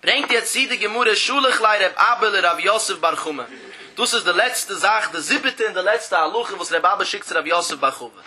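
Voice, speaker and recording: A man's voice: sits high, brisk, bright, forceful tone, a little hiss or hum. A man teaching a traditional study-hall lesson in a sing-song chant, drawing out phrases and acting out the voices of the people who argue over a debt. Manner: acts out the disputing parties in quoted voices. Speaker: Talmud teacher.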